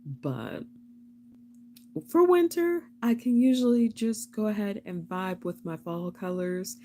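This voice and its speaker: A woman's voice: mid-range voice, very animated, slow, mellow, slight background noise. A young woman hosting a casual live stream, chatting and rambling with frequent laughs.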